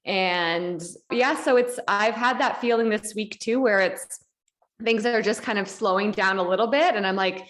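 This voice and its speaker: A woman's voice: mid-range voice, moderate pace, fairly bright tone. A woman co-hosting a podcast, chatting casually and playfully, laughing often and throwing in dramatic asides. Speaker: podcast co-host. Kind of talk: casual chat.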